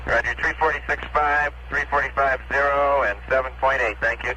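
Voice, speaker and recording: A man's voice: medium pitch, fairly even intonation, a little fast, bright, forceful tone. Man on crackly space radio. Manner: clipped radio procedure, reads numbers back. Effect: crackly space-to-ground radio transmission, archive recording. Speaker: astronaut. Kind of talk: space-to-ground radio exchange.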